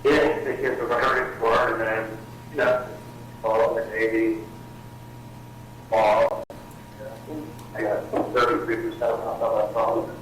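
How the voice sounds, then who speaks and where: A man talking from jail on a prison phone call, rambling and halting with lots of fillers. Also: fairly low pitch, level tone, a bit bright. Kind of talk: casual phone conversation. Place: jail cell. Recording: distant echoey jail phone line with faint noise.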